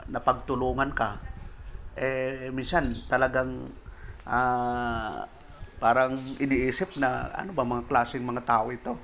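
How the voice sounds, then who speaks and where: A man from the Philippines preaching in a relaxed, conversational way. He reads scripture in English, then talks it through in plain everyday Tagalog. His voice sits at an ordinary pitch, and there is a faint hiss of background noise. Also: slow. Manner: reads English verses then explains in Tagalog, addresses listener directly. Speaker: pastor. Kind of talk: conversational sermon.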